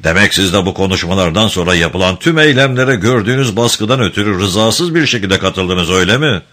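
A man's voice: deep voice, expressive, brisk, pushed and bright, heavily acted. A man voicing a stern male court official who questions a witness in a formal, probing way. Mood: questioning.

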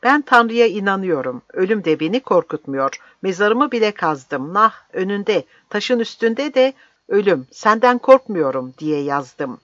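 A reader voicing a fiery old village priest who shouts his defiance in an impassioned, declaiming way, on a dry, slightly dull recording. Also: mid-range voice, big pitch swings, measured pace, dry recording, pitched above the performer's own voice. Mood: defiant, shouting.

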